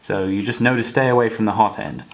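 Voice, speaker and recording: Young man, lowish voice, unhurried hobby tutorial host. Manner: relaxed, explanatory with frequent fillers and restarts. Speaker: model railway hobbyist tutor. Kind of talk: casual demonstration tutorial.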